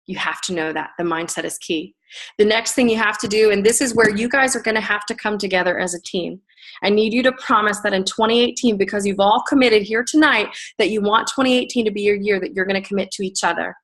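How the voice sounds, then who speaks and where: A middle-aged woman coaching a group on a call, giving an energetic tough-love motivational talk. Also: mid-range voice. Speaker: business coach.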